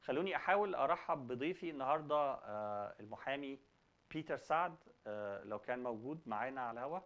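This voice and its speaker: A man's voice: mid-range voice, animated, fairly bright tone, highs cut off. A man with an Egyptian Arabic accent, a native Arabic speaker hosting a talk show, mixing Arabic and English and often restarting words. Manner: halting, repeats word beginnings.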